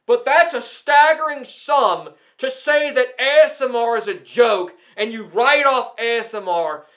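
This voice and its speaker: With a very high, fairly bright voice, this ASMR content creator delivers an emphatic, indignant rant addressed to the platform, scolding and repeating phrases for effect.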